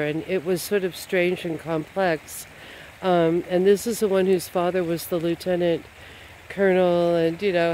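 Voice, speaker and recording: Rambling outdoor vlogger, a man with a high voice, faint boats and water behind. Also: a little mellow, a little hiss or hum. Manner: meandering, full of "you know" and "um". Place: outdoors by a river.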